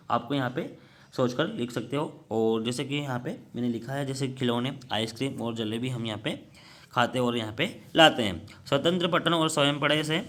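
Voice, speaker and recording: A young man teaching children, reading a workbook story aloud with many halting restarts and fillers, then going through the answers. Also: medium pitch, pushed and bright.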